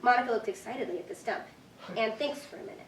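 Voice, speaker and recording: A woman with a fairly high voice reads stage directions as scripted narration at a fast pace. She sounds some distance from the mic in an echoey room, with faint noise behind her.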